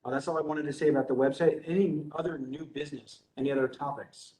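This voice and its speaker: A man's voice: a little high, steady tone, quick pace, warm tone. A man chairing a library board meeting over a video call, speaking in a loose, conversational way full of fillers. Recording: echoey room with faint noise.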